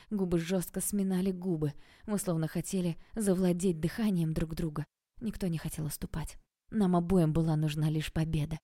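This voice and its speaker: An expressive woman reading a first-person audiobook and bringing the dialogue to life. Her voice sits somewhat low, with a dark, mellow tone. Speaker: audiobook narrator.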